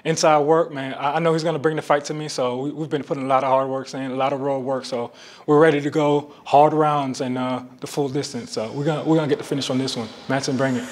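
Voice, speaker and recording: A man's voice: medium pitch, flat delivery, fast. A man in his thirties from Haiti, a fighter, speaking confidently and directly in a pre-fight interview. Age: 30s.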